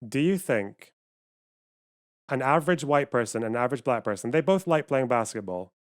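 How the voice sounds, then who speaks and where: A man's voice: medium pitch, lively intonation, moderate pace, dry recording, studio quality. A man arguing in a heated online debate, insisting and repeating his questions while his voice keeps cutting in and out over the call. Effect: voice cutting in and out over a call connection. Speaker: debate caller.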